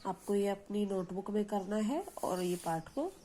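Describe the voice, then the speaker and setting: A woman's voice: medium pitch, warm tone, slight background noise. A woman teacher giving a grammar lesson, explaining patiently and often asking her students questions. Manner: slow, patient explaining with frequent check-in questions. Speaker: school teacher.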